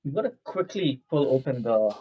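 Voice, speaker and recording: A tabletop role-player speaks in a casual, improvised style, narrating actions as they go. The delivery is hesitant and coaxing but very lively in pitch, on a slightly dull recording. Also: moderate pace, breathy edge.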